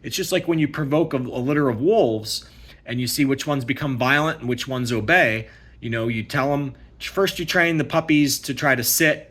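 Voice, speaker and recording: Casting: husky-voiced man, mid pitch, rambling emphatic rant, frequent "okay?". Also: a bit bright. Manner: emphatic, repetitive, keeps asking "okay?". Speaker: vlogger. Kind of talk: casual ranting monologue.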